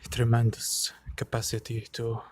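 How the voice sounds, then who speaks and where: This is an unedited late-night vlog in which a man, cold and shivering slightly outside, talks quietly into a handheld phone. He hesitates often, filling gaps with pauses and fillers, and his medium-pitched voice is monotone.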